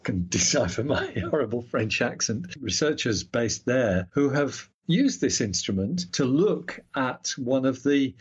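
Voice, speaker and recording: A man's voice: medium pitch, animated, a little slow, few pauses, slightly rough, highs cut off. A man explaining astronomy in a casual chat, using everyday analogies and wry asides. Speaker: astronomy commentator.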